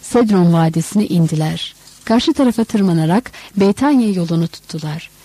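A woman reading a novel aloud as audiobook narrator, measured and expressive. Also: lowish voice, breathy edge.

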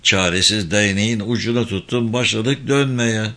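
A man narrating a story aloud in a steady storybook manner, adding short footnote asides. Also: on the low side, moderate pace.

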